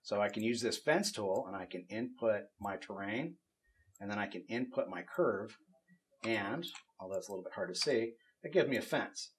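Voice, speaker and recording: A middle-aged man casually walking through a software tool demo in an office, explaining as he goes with frequent fillers. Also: on the low side, lively intonation, moderate pace. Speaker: game studio technical artist demonstrating tools. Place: office at a desk with monitors.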